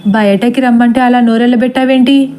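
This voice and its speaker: A woman's voice: on the high side, fairly even intonation, fairly quick, dark tone, slight background noise, natural voice. A woman voicing a headstrong older woman who speaks sharply and dismissively in a storybook reading. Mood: scornful.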